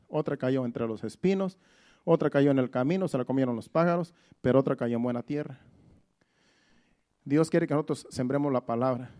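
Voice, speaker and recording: A middle-aged man telling his own testimony from the pulpit, speaking plainly and conversationally. He circles back, restarts phrases and repeats words as he recalls the past. His pitch sits in an ordinary middle range for a man. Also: a little mellow. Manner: conversational, with frequent restarts and repetitions. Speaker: preacher giving testimony. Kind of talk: sermon testimony. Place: church. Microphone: sermon recording.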